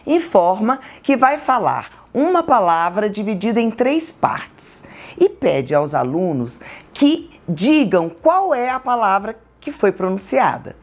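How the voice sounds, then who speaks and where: A woman with a Brazilian Portuguese accent, a textbook author explaining literacy activities slowly and deliberately. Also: mid-range voice. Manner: slow, deliberate, syllable-by-syllable examples. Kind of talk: educational explainer.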